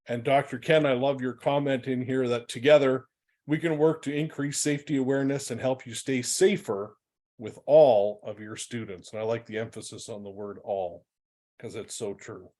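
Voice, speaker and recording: A man's voice: medium pitch, fairly even intonation, normal speed, a little mellow. A man hosting an online webinar, giving friendly, upbeat introductions of the speakers with a few fillers. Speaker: webinar host.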